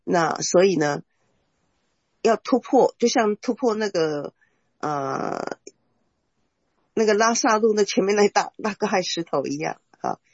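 Husky, dry-sounding Bible teacher. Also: medium pitch, lively intonation, no echo, lo-fi sound. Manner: measured explaining, frequent murmured agreement. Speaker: Bible teacher leading the talk. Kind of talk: casual faith discussion.

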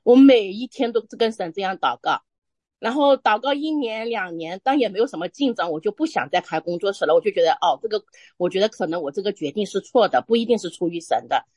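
A woman telling a personal faith testimony in conversation, earnest and halting, restarting her phrases often. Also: mid-range voice, lively intonation, a little mellow, no echo. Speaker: church member sharing testimony.

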